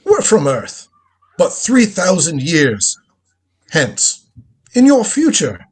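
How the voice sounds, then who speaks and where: As lead actor in a live radio drama reading, a man voices a crotchety, proud old grandfather who invents and travels through time, lecturing imperiously. His voice sits on the high side with wildly swooping pitch, a slow pace, slight roughness, and exaggerated delivery.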